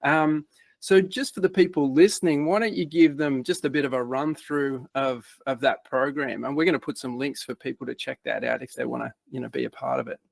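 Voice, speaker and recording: A man's voice: medium pitch, steady tone, brisk, gravelly, no echo. A man hosting a podcast, introducing his guest with enthusiasm and asking questions. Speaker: podcast host. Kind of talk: podcast interview.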